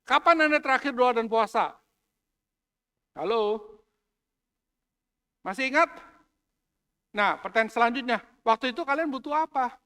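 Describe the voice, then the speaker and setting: A man with a high voice preaches to his church. His delivery is playful and joking, and he drops English phrases into the sermon. The sound has a long reverb from the church hall. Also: moderate pace, long pauses, pushed and bright, clean tone. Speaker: pastor.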